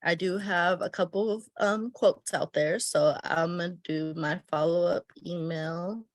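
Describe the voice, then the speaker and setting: A stuffy-nosed woman with a lowish voice takes her time, speaking unhurriedly in a dry recording. She's a travel agency owner giving an easygoing, step-by-step lesson on weekly planning, musing aloud as she writes out her schedule.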